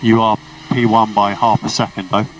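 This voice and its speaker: Working as a race engineer, this man relays clipped procedural instructions over team radio. His lowish voice is flat and runs at a normal speed, and the distant transmission carries noise from the car and engine.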